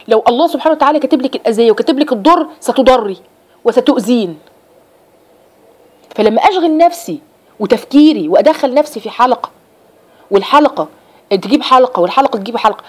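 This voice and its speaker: Fast-talking Egyptian woman teaching religion. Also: sits high. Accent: Egyptian Arabic. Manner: lively, repeats phrases, acts out examples. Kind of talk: religious lesson to women.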